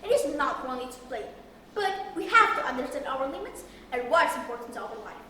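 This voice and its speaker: A young teenage girl with an Indonesian accent delivers a memorized contest speech in a stiff, rehearsed, declamatory way with emphatic pauses. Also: high voice, lively intonation, bright, forceful tone. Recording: echoey hall, distant mic, faint noise.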